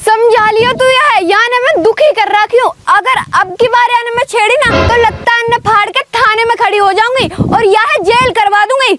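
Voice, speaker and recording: A woman playing a sharp-tongued old village wife, scolding and threatening in a village comedy skit. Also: very high voice. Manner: scolding, threatening, fast insults. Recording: loud background noise.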